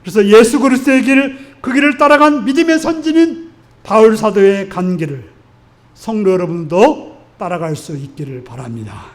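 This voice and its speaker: A man's voice: high voice, animated, normal speed. A male pastor preaching a Sunday sermon in an earnest, exhorting way, putting question after question to his congregation. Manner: asks the congregation frequent rhetorical questions.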